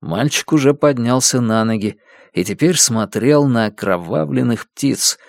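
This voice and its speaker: A man's voice: medium pitch, measured pace, creaky, dry recording, clean studio sound. Man reading a thriller audiobook. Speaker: narrator.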